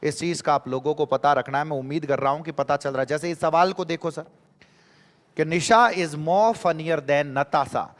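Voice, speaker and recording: Animated male teacher. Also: a little high, normal speed, big-room sound. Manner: animated, repeats key phrases and quizzes students. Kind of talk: exam-prep grammar lesson.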